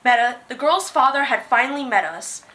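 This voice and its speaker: A high-voiced young woman tells a story-time vlog to her camera. Her tone is bright and sharp, and she talks with animated, dramatic flair. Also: brisk. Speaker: vlogger.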